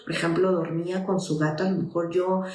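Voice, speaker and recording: A woman speaks as a child psychologist, explaining things patiently to parents in an informal live talk. She slips into short, gentle dialogues of a parent speaking with a child. Her voice carries a noticeable echo from the room. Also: lowish voice, level tone, fairly quick.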